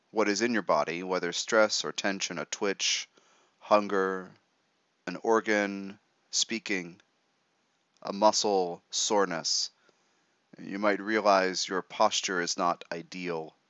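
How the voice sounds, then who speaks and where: Male meditation guide, lowish voice, measured and instructive, short phrases with pauses, slightly dull dry recording. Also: steady tone, bright, forceful tone, no echo.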